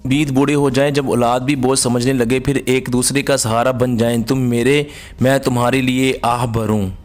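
Flat, steady male storyteller. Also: medium pitch, moderate pace, soft background music. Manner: steady, even reading. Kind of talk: scripted story narration.

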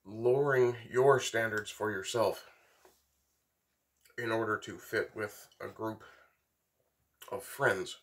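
A middle-aged man talks off the cuff in a fairly low voice. He is sick, and his nose is blocked, so he sounds stuffy and congested. His delivery is halting and rambling, with long pauses, as a vlogger speaking to camera. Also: fairly even intonation. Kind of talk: unscripted casual monologue to camera. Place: small wooden workshop, indoors.

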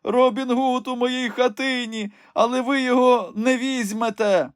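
A man voicing a sharp-tongued old peasant widow who scolds and curses defiantly. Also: very high-pitched, steady tone, normal speed, smooth, no echo, clean studio sound, voice pushed up. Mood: pleading. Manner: scolding, cursing.

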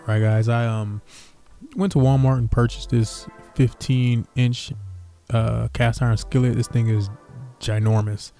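A man hosting a casual cooking tutorial, talking through the steps in a relaxed way with lots of fillers and restarts. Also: mid-range voice, measured pace. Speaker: cooking channel host. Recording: voice-over with music bed. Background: background music.

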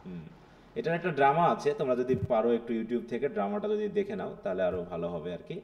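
Fast and sing-song with vocal fry, a medium-pitched male voice comes through with highs cut off and slight background noise. He's teaching English literature live in a Bengali-English mix, walking through ideas step by step and often checking with students.

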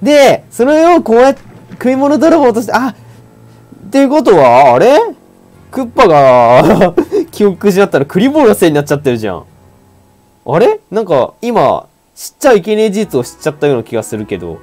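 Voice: medium pitch, wildly swooping pitch, brisk, a little mellow, soft background music. A game streamer giving let's-play commentary, reacting with laughter and teasing remarks about the story.

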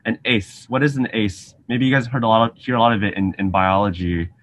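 This young Singaporean grad student has a lowish, slightly bright voice, a steady tone and a fairly quick pace. He's giving his students a casual online science lesson via video call webcam from an indoor lab office with shelves. His manner is friendly and chatty, with frequent ums and lots of questions to the class.

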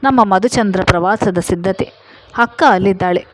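A woman voicing a gentle, caring young husband in a read-aloud story, speaking softly. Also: medium pitch, moderate pace, a little hiss or hum, lightly acted. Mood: tender. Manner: soft, caring.

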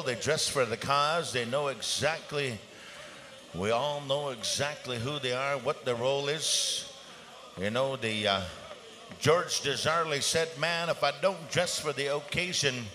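Male powwow emcee, bright punchy voice, casual banter and rallying calls, noisy indoor arena. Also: medium pitch. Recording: clear arena ambience noise around PA voice.

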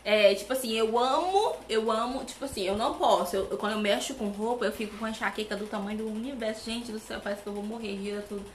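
A young Brazilian woman chatting to camera as a vlogger, animated and talkative, with many asides to her viewers, at home with a fan running. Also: fairly high pitch, quick pace, hardly any pauses, roomy sound, a little hiss or hum. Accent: Brazilian Portuguese. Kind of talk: casual chat to camera.

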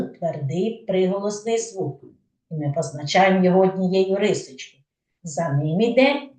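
Ukrainian-accented woman, preschool teacher, unhurried and patient, heard from across an echoey room. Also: fairly low pitch, darkish tone, distant mic. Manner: patient, asks questions then answers them herself. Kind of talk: slow didactic lesson for young children. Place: kindergarten room.

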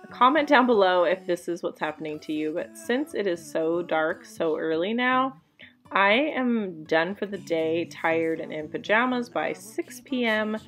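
A woman in her thirties, a cleaning vlogger, speaks in a lowish voice with lively intonation and a slightly slow pace. Recording a casual voice-over for her home cleaning vlog in a bedroom, she confides in viewers and laughs now and then over soft background music.

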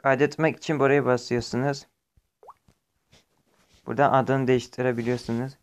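A man's voice: mid-range voice, level tone, moderate pace, clean tone. A man giving a casual, step-by-step walkthrough of an app in plain, repetitive explanations. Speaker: app tutorial presenter. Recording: noisy amateur recording with clicks.

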